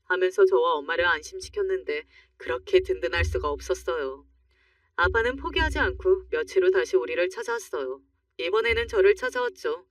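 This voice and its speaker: A woman's voice: fairly low pitch, fairly quick, no echo. Woman narrating a true-life story. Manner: calm, confiding first-person telling. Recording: dry, muffled, slightly distant.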